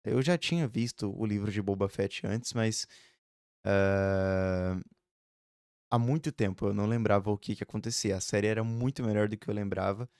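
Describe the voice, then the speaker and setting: This young vlogger, in his twenties, talks from his home room at a moderate pace, his lowish voice darkish, clear and resonant. The sound is dry and studio-clean, and he chats on loosely, leaning on fillers and tag questions.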